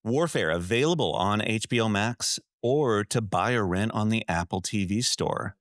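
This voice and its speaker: Blunt, smooth-voiced podcast man. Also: fairly low pitch, expressive, normal speed, no echo, studio quality. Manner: blunt, opinionated, profane. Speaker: podcast co-host. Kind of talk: casual film podcast chat.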